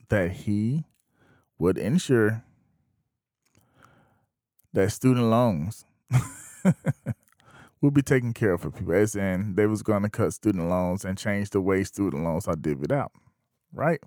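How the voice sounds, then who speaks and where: A man in his thirties talking casually to camera, thinking aloud with frequent pauses. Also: fairly low pitch, a little mellow, dry recording, studio quality. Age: 30s. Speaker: vlogger. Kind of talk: casual opinion monologue.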